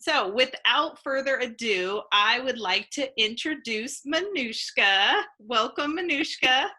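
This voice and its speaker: A woman's voice: on the high side, lively intonation, slow, bright, forceful tone. A woman hosting a casual live interview, chatty and friendly, laughing often. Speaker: host.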